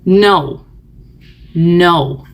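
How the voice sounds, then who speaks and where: A woman's voice: on the low side, extremely slow. A woman giving a blunt, emphatic video rant with a sarcastic edge. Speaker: social media commentator. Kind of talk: ranting video commentary.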